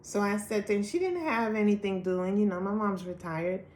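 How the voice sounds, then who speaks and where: With earnest, animated storytelling, a woman shares her personal testimony in a middle pitch at a moderate pace, slipping into acted-out quotes. The room she's in is noticeably echoey.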